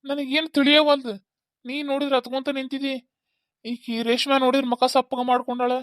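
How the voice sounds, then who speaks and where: A woman's voice: sits high, level tone, fairly quick, no echo, studio quality, close to an everyday voice. A woman with a North Karnataka Kannada accent, playing a worried old village father-in-law in a comedy skit, rambling and repeating her questions. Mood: worried, bewildered.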